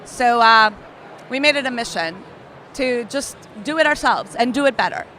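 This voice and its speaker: Bright-voiced woman from Costa Rica. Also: fairly high pitch, expressive, normal speed, slight background noise. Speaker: company co-founder, guest. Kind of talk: interview. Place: outdoor festival booth.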